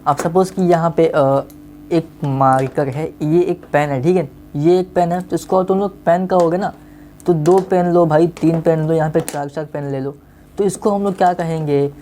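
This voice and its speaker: A man's voice: on the high side, fairly even intonation, moderate pace, mellow, slight background noise. A male teacher gives a casual online maths lesson, coaxing his students and often checking that they have understood.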